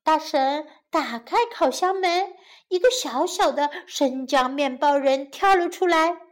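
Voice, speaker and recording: A woman narrating a bilingual children's storybook in a clear storytelling manner. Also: sits high, unhurried.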